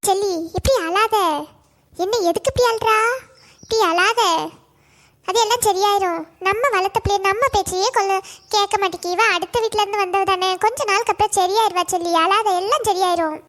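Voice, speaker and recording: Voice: very high voice, fairly even intonation, a little fast, a bit bright. A performer voicing a worried village mother from a cartoon, chatting homely. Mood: comforting. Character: worried village mother arranging her son's marriage.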